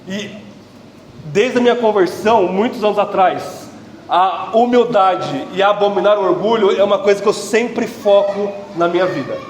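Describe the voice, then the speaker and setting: A man's voice: high voice, normal speed, a little hiss or hum. A Brazilian man in his thirties preaching a sermon as pastor, earnest and direct, rising to emphatic peaks. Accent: Brazilian Portuguese. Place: church hall. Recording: echoey hall with faint ambience.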